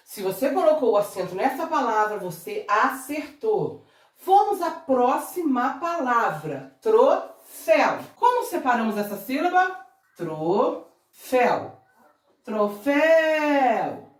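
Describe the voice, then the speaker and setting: A Brazilian woman teaching a recorded grammar lesson to children, coaxing and drawing out words syllable by syllable. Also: a little high. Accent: Brazilian Portuguese. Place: classroom at a board. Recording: roomy sound, from a distance.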